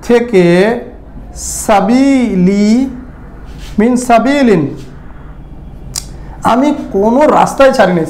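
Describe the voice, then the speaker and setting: A man with an extremely high, somewhat dark-toned voice teaches Arabic grammar online, breaking everything down step by step and often checking "right? clear?" with his students. The recording is reverberant, with a little hiss or hum.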